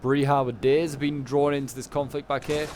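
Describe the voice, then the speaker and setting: A man gives off-the-cuff play-by-play on a strategy game. His delivery is colloquial and animated, reacting as things unfold. Clear ambient noise sits behind his voice. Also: mid-range voice, brisk. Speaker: gameplay commentator. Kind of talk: casual live commentary on a strategy game battle.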